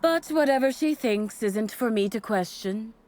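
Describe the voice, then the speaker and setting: A woman voicing a devoted female cult assistant in a game, giving a chipper pitch that sags into tired resignation. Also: lively intonation, measured pace, a little mellow, soft background music. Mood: defensive. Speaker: voiced game character.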